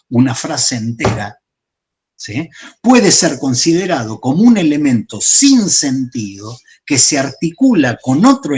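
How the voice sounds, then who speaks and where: A man delivers a class lecture at a middle pitch. He explains patiently, building his points step by step. He often pauses to check in with the room. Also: darkish tone. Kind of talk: class lecture on psychoanalytic theory.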